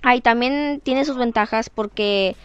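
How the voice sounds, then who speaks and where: A teenage girl with a Mexican Spanish accent, talking in a chatty, lively, self-mocking way in a casual vlog. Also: a little high, measured pace, clean tone, no room sound, muffled recording. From Canada. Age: teens. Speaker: vlogger.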